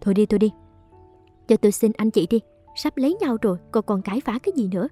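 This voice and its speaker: A woman's voice: medium pitch, expressive, fast, dark tone, faint music behind, natural voice. A woman voicing a domineering older mother who scolds and orders people around. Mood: fussy. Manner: bossy, scolding.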